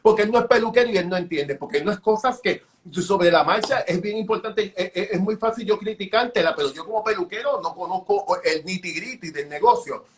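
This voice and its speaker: High-voiced animated man telling stories. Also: a little fast. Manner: animated, acts out dialogue, repeats words. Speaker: hairdresser. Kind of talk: storytelling interview chat.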